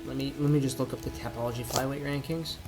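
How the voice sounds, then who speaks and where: A man giving a casual, off-the-cuff sports rant, rambling and thinking aloud in halting bursts as if he has had a few drinks. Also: mid-range voice, steady tone, over music. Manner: drinking while ranting, tipsy rambling. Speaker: MMA commentator giving opinions.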